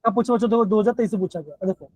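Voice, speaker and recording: High-voiced male chemistry teacher, repetitive. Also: very fast, a little mellow, no room sound. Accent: Himachali Hindi. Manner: repetitive, keeps calling the students "बच्चों". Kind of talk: live online class lecture. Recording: dull, dry low-fi online class audio.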